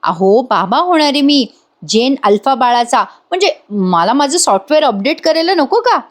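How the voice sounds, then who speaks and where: A woman's voice: high voice, very animated, normal speed. A woman voicing an eager young husband and father-to-be in a retold TV serial scene, earnest and coaxing.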